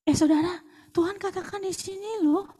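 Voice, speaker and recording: Very high-voiced woman preaching. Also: normal speed. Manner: lively, switches between loud calls and soft whispers, acts out little dialogues. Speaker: pastor. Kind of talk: sermon.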